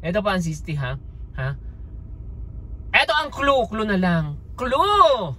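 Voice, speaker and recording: A man vlogging casually as he walks outdoors on a street. He talks theatrically in exclamations and keeps tossing in questioning asides, and his voice is hoarse. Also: high-pitched, sing-song, slow pace, pushed and bright. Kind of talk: casual street vlog chatter.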